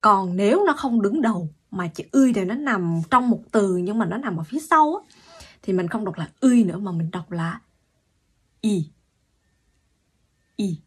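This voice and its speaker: A woman language teacher giving an online pronunciation lesson, explaining patiently and repeating sounds slowly. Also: mid-range voice, animated, husky.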